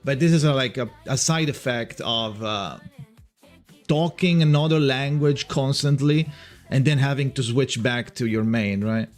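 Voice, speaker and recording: With faint music behind him, this Italian-accented young man from Italy speaks a little slowly in a medium-pitched voice. He livestreams in a loose, rambling way, often starting sentences over and occasionally cursing.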